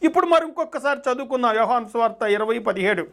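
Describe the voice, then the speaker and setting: A man's voice: very high-pitched, animated, fast, fairly bright tone. A man preaching a sermon as pastor, repeating scripture phrase by phrase and pressing his points with emphatic rhetorical questions.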